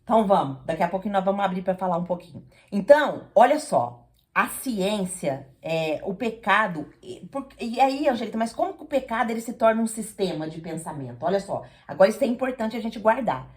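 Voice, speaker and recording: A woman's voice: medium pitch, lively intonation, fairly quick, darkish tone. A woman preaching to a women's group, emphatic, often checking that her listeners follow and acting out little dialogues. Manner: emphatic, asks listeners "entendeu?", acts out dialogues. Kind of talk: sermon. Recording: echoey room.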